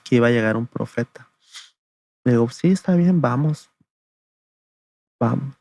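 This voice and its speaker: A man's voice: medium pitch, unhurried, no echo. A man, telling his own testimony in an interview in a conversational way, often tagging his sentences with "le digo" and "¿verdad?". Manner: gravelly, flat storytelling, often adding "le digo" and "¿verdad?". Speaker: interview guest giving testimony.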